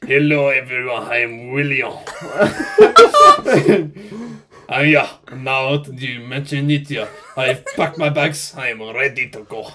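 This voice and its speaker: A man's voice: mid-range voice, sing-song, slow pace, background noise. A man voicing a cocky duke set on claiming a crown, in a playful, mock-defiant way.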